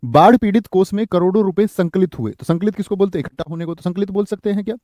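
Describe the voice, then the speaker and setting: Teacher, dry close mic. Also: male voice, sits high, mellow, no echo. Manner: keeps asking the class questions and checking with "theek hai"; repeats the corrected sentence slowly for emphasis. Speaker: Hindi grammar teacher. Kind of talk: live online class, answering chat.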